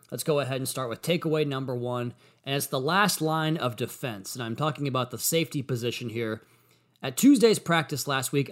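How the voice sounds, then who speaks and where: An American man hosting a sports podcast, talking in a monologue. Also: mid-range voice.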